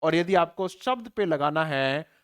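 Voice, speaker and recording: A man's voice: a little high, expressive, measured pace, fairly bright tone, clear, resonant tone. A man teaching an online exam-prep English lesson, who asks rhetorical questions, answers them himself and spells words out letter by letter. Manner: addresses students familiarly, checking understanding.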